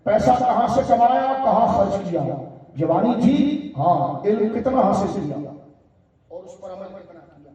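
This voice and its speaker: A man's voice: high voice, lively intonation, mellow. A man preaching a religious sermon to a gathering, exhorting with rhetorical questions and long lists of appeals. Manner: exhorting, rhetorical questions and listed appeals, calls audience to respond. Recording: distant, echoey, dull lo-fi hall recording.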